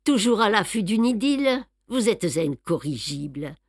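A woman reading an audiobook, voicing a fussy, precise middle-aged male detective who speaks crisply and teases. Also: mid-range voice, very animated, normal speed, no echo, studio quality. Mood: playful. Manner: crisp, teasing, orderly. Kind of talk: audiobook character voice.

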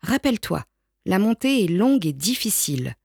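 A woman voicing an eager young older brother who calls out encouragement in a raised, bright voice, recorded dry and close. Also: mid-range voice, very animated, moderate pace, vocal fry, slightly rough, no room sound, heavily acted. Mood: cautioning.

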